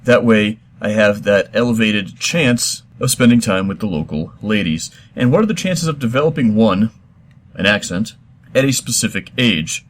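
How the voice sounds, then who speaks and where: A middle-aged man hosting a comedy show, answering listener questions in a deadpan, mock-serious, rambling way. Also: lowish voice, normal speed. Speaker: host.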